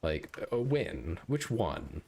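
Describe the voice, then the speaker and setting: A man's voice: sits low, very animated, slow, vocal fry, darkish tone, a little hiss or hum. A man streaming a game, chatting with viewers in a rambling, joking way. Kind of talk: casual live-stream gaming chat.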